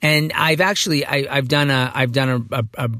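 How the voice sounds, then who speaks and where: Casting note: middle-aged male host, chatty and self-correcting, slightly hoarse, dry close sound. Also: medium pitch, fairly even intonation, moderate pace, pushed and bright, no echo. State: morning voice, a bit hoarse. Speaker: podcast host. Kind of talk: casual monologue.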